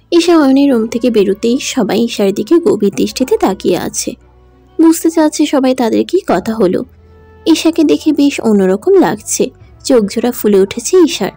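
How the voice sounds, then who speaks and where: A woman's voice: high voice, dark tone, dry recording. A woman narrating a romantic audio drama in an emotive, dramatic manner. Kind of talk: scripted story narration.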